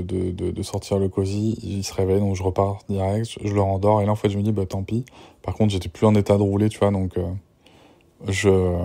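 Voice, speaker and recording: A man's voice: lowish voice, creaky, warm tone. A young man, worn out, rambling through a casual voice memo with many restarts. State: exhausted. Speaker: father recording voice diary.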